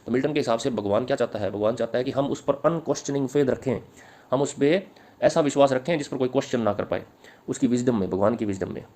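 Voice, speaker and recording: A man's voice: mid-range voice, a little mellow. Man dictating a literature lesson. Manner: explains in Hindi, dictates English answer lines slowly. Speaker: teacher. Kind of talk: exam-prep literature lesson.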